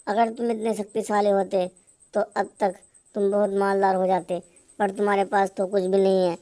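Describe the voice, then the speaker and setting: महिला द्वारा पढ़ी गई डरी हुई गाँव की लड़की. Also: female voice, medium pitch, moderate pace, natural voice. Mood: defiant. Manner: monotone storybook reading. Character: honest young village girl, frightened and pleading.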